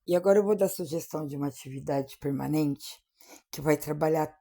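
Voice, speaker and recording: Lady teacher, gravelly mellow voice, slows way down on example words. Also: deep voice. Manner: patient, repeats and checks with "né?"; stretches out example words slowly. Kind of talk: explaining literacy teaching.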